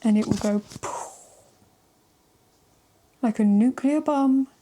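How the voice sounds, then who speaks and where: A woman giving a casual tarot love reading to camera, chatty and emphatic with casual swearing, sometimes dropping into a soft whisper. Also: on the high side, slow pace. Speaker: tarot reader.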